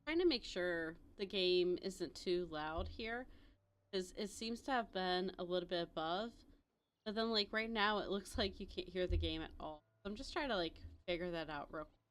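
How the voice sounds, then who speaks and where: A woman's voice: on the low side, moderate pace. A woman streamer giving casual, chatty commentary while playing a game.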